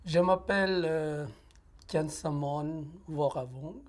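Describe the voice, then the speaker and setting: Slow, hesitant man. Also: on the high side. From Laos. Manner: hesitant, with frequent pauses and filler sounds. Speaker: interviewee giving a personal testimony. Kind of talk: reflective testimony interview.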